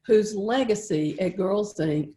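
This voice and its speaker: A woman's voice: medium pitch, slow. A middle-aged woman, emceeing a virtual gala and telling stories in a folksy way with some fillers. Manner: warm, folksy storytelling with filler words. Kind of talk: speaking to the camera at a virtual gala.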